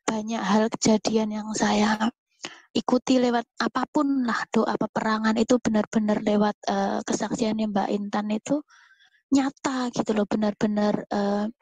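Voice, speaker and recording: A woman speaking up in a group session, talking hesitantly with many drawn-out fillers. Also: medium pitch, little pitch movement, a little mellow, dry recording. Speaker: participant asking a question. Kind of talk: spontaneous talk in an online group session.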